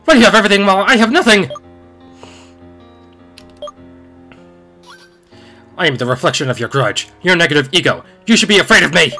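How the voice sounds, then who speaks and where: A bitter shadow double from a video game, acted out by a player, full of theatrical villain menace. The voice is bright and swings widely in pitch, jealous and unhinged, with music behind it. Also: big pitch swings, very fast. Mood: anguished disbelief.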